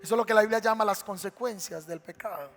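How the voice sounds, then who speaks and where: A man's voice: high-pitched, fast talker. A male pastor preaching a dramatic sermon and acting out the scenes he tells. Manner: dramatic storytelling preacher who acts out scenes. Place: church sanctuary. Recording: reverberant church hall with faint music.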